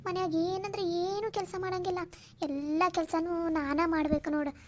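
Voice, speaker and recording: A woman's voice: very high-pitched, little pitch movement, normal speed, a little mellow. A woman with a North Karnataka Kannada accent voicing a worried older village mother-in-law who complains plaintively. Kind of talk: cartoon voice acting.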